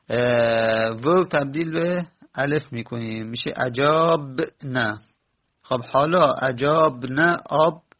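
A man teaching a lesson, explaining step by step in a slow, methodical way, stretching out example words, pausing on fillers and correcting himself. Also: mid-range voice, a bit bright. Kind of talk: classroom lesson on verb patterns.

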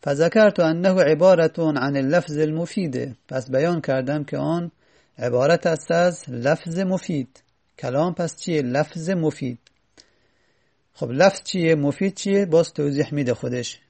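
A man's voice: on the high side, creaky, a little mellow. A man teaching Arabic grammar, reading lines from an Arabic text and then explaining them step by step.

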